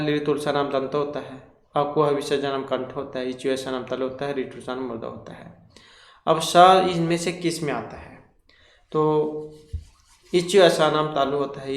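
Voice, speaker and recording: A man leads an exam-prep grammar lesson, working through each question in careful steps and rattling off long lists of terms. His voice sits a little high. The room around him rings with echo. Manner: explains step by step, lists terms in runs. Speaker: teacher.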